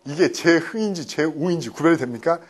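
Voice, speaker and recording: A man's voice: a little high, a little fast, breathy edge. A middle-aged man from Korea teaching English vocabulary in a classroom lecture, acting out phone calls to make his points. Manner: lively, acts out phone calls and quoted voices.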